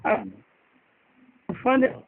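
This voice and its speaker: A woman on an online call, arguing and stammering, her words breaking up and cut off by a lagging connection. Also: drawn-out words. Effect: choppy audio with cut-off endings from a lagging connection. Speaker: caller on a live call-in stream. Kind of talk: heated argument. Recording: tinny call line with faint noise.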